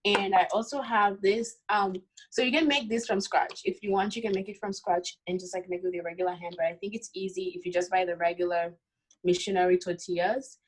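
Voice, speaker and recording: A woman's voice: mid-range voice, steady tone, a little fast, slight background noise, low-quality recording. Chatty young woman from the Congo. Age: young adult. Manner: chatty, with many "like" and "um" fillers. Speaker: cooking guest. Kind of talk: casual cooking demonstration.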